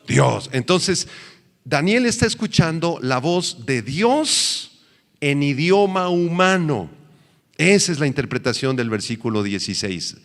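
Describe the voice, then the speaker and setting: A man's voice: medium pitch, a bit bright, long reverb tail. A male pastor teaching a sermon, asking the congregation questions and answering them himself.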